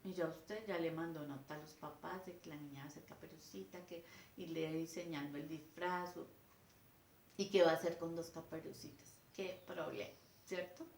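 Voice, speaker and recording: A woman's voice: low-pitched, moderate pace, slight background noise. A woman teacher, giving a lecture and acting out scenes between a teacher and her pupils. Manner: animated, acts out teacher and children in changing voices. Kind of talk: lecture with acted classroom scenes. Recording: echoey room.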